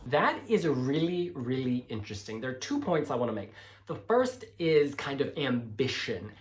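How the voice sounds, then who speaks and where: A woman's voice: a bass voice, very animated, moderate pace, a little hiss or hum. A woman hosting a music reaction video, giving enthusiastic commentary in an effusive, exclamatory way with dramatic phrasing. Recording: music playing behind the voice.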